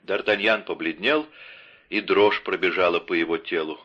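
A man's voice: low-pitched, normal speed. A man narrating an audiobook with dramatic reading. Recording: dull lo-fi audio.

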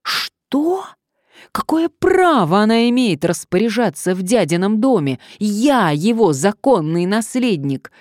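A woman's voice: mid-range voice, very animated, a little slow, darkish tone, no echo, studio quality, voice pushed up. A woman voicing an indignant young male aristocrat heir, haughty and demanding in an audiobook reading.

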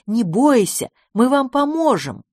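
A woman's voice: low-pitched, moderate pace, dry recording, clean studio sound, lightly acted. A woman voicing a kind mother in a children's story who cheers on a frightened kitten. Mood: encouraging. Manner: warm, encouraging.

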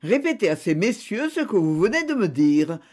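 A man's voice: high-pitched, very animated, moderate pace, darkish tone. A man voicing a courteous, businesslike police commissioner.

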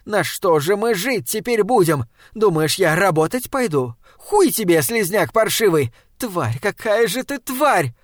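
A man's voice: a little high, animated, moderate pace, hardly any pauses, no echo, clean studio sound, close to an everyday voice. A man voicing a furious, scornful young woman in an audiobook, screaming insults and sneering.

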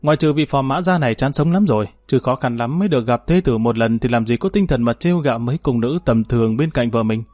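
A man tells a historical story in a steady, even narration, raising his voice for the characters' lines. His voice sits in a middle pitch and is recorded dry and close to the mic. Faint music plays under the reading. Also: fast, few pauses, no room sound. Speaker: audiobook narrator. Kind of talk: scripted narration of a historical novel.

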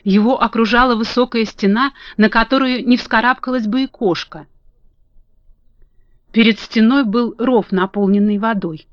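A woman reading a children's storybook aloud in a calm, even narration. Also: on the high side, normal speed, dry recording. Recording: dull lo-fi dry audio.

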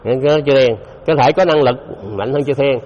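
A man with a medium-pitched, slightly mellow voice gives a dharma talk to a live audience at a moderate pace, speaking conversationally and often putting questions to listeners. The recording is dull and lo-fi, made in a reverberant hall, with a little hiss or hum.

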